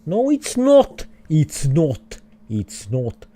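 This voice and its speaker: A Finnish-accented livestreamer plays a geography game, reasoning out loud in hesitant English with occasional chuckles. His dark voice is fairly high, swings hugely in pitch, and stretches out his words.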